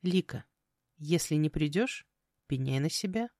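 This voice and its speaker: A woman's voice: sits low, animated, unhurried, warm tone, no echo, clean studio sound, full character voice. Woman doing a smug commanding man. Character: mocking, insistent adult man, unbearable rival.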